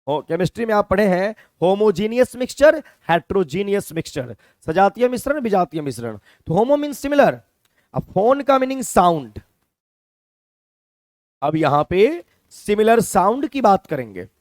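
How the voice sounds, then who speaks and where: A man's voice: sits high, big pitch swings, normal speed, darkish tone, no room sound, studio quality. A man teaching a vocabulary class with a Hindi accent, explaining step by step and checking in with his students. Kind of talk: classroom lecture.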